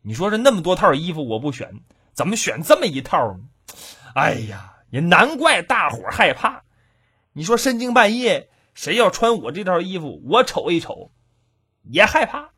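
A man's voice: sits high, big pitch swings, moderate pace, pushed and bright, husky, exaggerated voice. A storyteller voicing a young night watchman who is puzzled and talking to himself.

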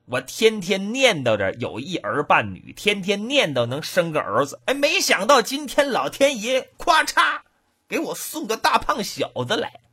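A man voicing a kind-hearted middle-aged merchant overjoyed at finding a baby, in a lively storytelling manner. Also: high-pitched, normal speed, breathy edge, heavily acted. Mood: joyful. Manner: lively storyteller's voice with dialect colour.

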